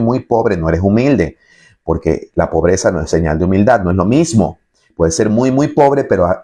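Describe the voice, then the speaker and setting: A man preaching a sermon, emphatic and scornful, with sharp rises when he stresses a point and slower delivery for scripture quotes. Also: low-pitched, slightly rough.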